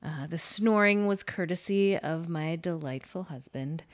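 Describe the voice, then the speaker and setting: Young woman, lowish voice, casual chatter, filler words everywhere, laughs easily. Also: unhurried. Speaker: preschool teacher sharing her sleep-talk recordings. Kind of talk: casual podcast chat.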